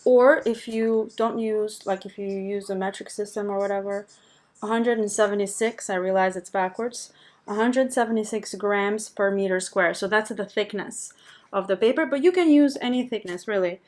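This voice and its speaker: A woman from Albania hosts a live craft tutorial stream, chatting casually and warmly with her viewers. Her voice is medium-pitched and moves at normal speed.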